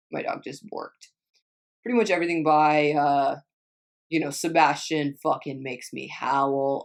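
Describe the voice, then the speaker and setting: A young woman from Texas chatting casually as a vlogger, rambling and swearing a lot, trailing off and restarting often. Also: low-pitched. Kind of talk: casual chat answering viewer questions.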